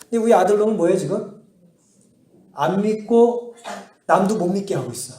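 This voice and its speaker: A man's voice: high-pitched, lively intonation, normal speed, mellow. A male pastor preaching a sermon in a church, asking the congregation rhetorical questions and answering them, telling his stories with emphasis. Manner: emphatic storytelling. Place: church sanctuary. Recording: echoey church hall.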